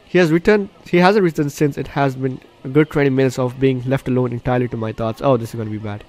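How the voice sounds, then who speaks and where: Speaking quickly with a mid-range, slightly mellow voice, a gaming host narrates the on-screen story during a walkthrough. He reacts exclamatorily while game music runs under his commentary.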